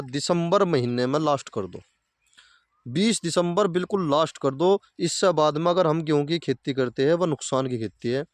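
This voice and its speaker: A man's voice: on the high side, no echo, clean studio sound. A man talking casually outdoors by his fields, giving plain, repetitive advice to fellow farmers. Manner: plain-spoken, repeats points, addresses viewers as farmer brothers. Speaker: farming video host.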